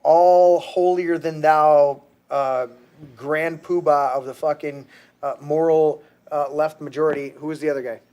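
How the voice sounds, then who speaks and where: A man's voice: on the high side, fairly even intonation, moderate pace, darkish tone. A middle-aged man hosting a podcast, ranting heatedly and crudely with frequent restarts. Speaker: podcast host. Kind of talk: casual profane rant.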